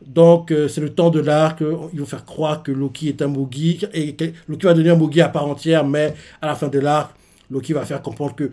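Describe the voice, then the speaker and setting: A man's voice: fairly high pitch, flat delivery, a little fast, warm tone. Rambling man recapping a manga. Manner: rambling, full of fillers like "en gros" and "quoi". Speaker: manga reaction host. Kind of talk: casual live reaction and recap.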